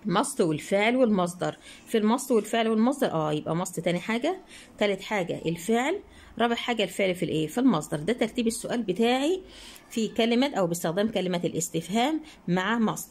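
Egyptian woman teacher explaining quickly. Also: mid-range voice, expressive, darkish tone. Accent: Egyptian Arabic. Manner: reads English prompts slowly, then explains quickly with rhetorical questions. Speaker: English teacher. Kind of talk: exam-answer lesson in Egyptian Arabic.

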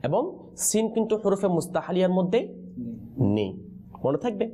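A man teaching the pronunciation of Quranic letters in a lesson, pausing on questions so his students answer in chorus. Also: high voice, sing-song, dark tone. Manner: call-and-response teaching, prompting answers with questions.

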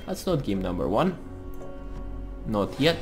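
A man's voice: on the low side, big pitch swings, measured pace. A man giving casual gameplay commentary, thinking aloud as he plays. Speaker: host of a card game let's play series. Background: music.

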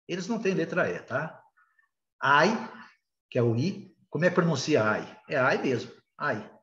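A man's voice: medium pitch, fairly bright tone, echoey room, highs cut off. A Brazilian man with a Brazilian Portuguese accent teaching a recorded beginner lesson, explaining patiently and hesitantly with many filler sounds. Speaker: English teacher.

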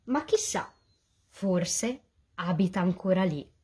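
A woman reading a rhyming children's story aloud as a volunteer reader, in a lively, sing-song delivery. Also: fairly low pitch, slow, slightly rough.

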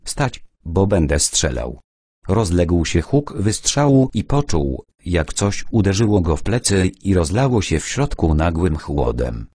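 A man reading a war novel aloud as an audiobook narrator, with dramatic, expressive delivery. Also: low voice, measured pace, few pauses, husky, no room sound.

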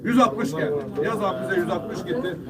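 A high-voiced man works as a fish auctioneer at a crowded market, calling prices fairly quickly and selling lots live. His repetitive sales calls are aimed at the assembled buyers, and the distant microphone also captures their loud crowd noise.

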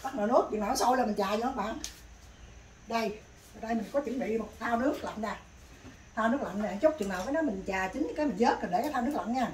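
Mother figure, middle-aged, Southern Vietnamese accent, practical tone, roomy and distant with clear background noise. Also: on the high side, fast, darkish tone. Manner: plain, practical, explaining steps. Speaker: vlogger's mother. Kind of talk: casual cooking demonstration. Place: rural home kitchen. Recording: echoey room, voice from off-mic.

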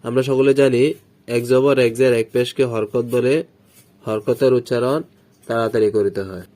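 A man with a mellow, dark-toned voice gives a step-by-step recitation lesson. He drills short syllables patiently and repeats each pattern slowly so learners can follow. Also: mid-range voice, steady tone. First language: Bengali. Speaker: Quran recitation teacher.

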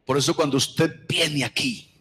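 A middle-aged man with a Colombian accent preaching a sermon, telling stories with passion and moving from hushed tones to shouts. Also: fairly high pitch, unhurried, background noise. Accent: Colombian Spanish. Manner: impassioned storytelling, swinging from hushed to shouting.

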